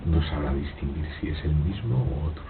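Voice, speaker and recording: A man giving a slow, reflective philosophical talk, halting and repeating his words, with frequent rhetorical questions. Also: recorded from a distance. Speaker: spiritual speaker giving a talk. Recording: old lo-fi tape, phone-like, noisy with rumble.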